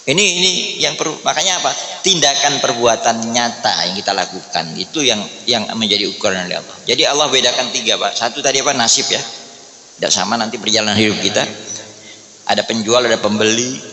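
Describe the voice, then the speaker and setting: Bright-voiced joking East Javanese preacher. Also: male voice, mid-range voice, fairly quick, a little hiss or hum. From Indonesia. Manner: joking, chatty, often adds "Pak" to address listeners. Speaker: Islamic preacher. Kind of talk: humorous Islamic study talk. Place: large echoey hall at an office. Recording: echoey hall with faint ambience.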